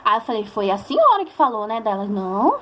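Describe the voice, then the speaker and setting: Fast-talking young Brazilian woman, high voice. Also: sing-song, a bit bright, a little hiss or hum. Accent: Brazilian Portuguese. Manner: chatty, emotional, acts out quoted voices. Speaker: vlogger. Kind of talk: personal storytelling to camera.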